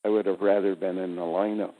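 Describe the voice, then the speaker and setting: A man with a fairly low voice talks in an unhurried, deliberate way and breaks down words letter by letter. The sound is thin and phone-like, with a long reverb tail behind it. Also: flat delivery. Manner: slow, deliberate wordplay explanations. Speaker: guest speaker. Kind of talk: casual phone conversation. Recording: tinny phone line with reverb.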